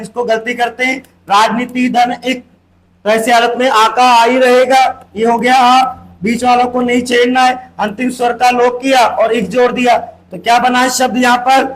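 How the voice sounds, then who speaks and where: A man's voice: very high voice, low-quality recording. A man teaching a grammar lesson for exam preparation, asking questions and answering them himself, stressing the rules and repeating key words. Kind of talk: exam-prep classroom lesson.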